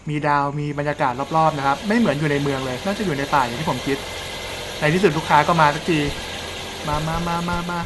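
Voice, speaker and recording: A man's voice: on the high side, quick pace, background noise. A man giving casual let's play commentary, chatting and joking while reading game dialogue aloud. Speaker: gamer.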